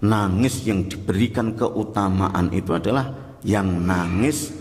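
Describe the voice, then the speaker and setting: A man giving a sermon in a big mosque hall that rings with long reverb. His voice is gravelly and sits at a mid pitch. He talks in a chatty way, putting questions to the congregation. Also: lively intonation, unhurried. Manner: conversational, quizzes the congregation, acts out tearful prayers. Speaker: Islamic preacher.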